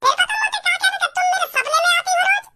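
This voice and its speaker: Sassy, shrill cartoon girl, noisy track. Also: very fast. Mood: complaining. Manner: teasing, then bossy and threatening. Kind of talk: comic cartoon dub. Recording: loud background noise.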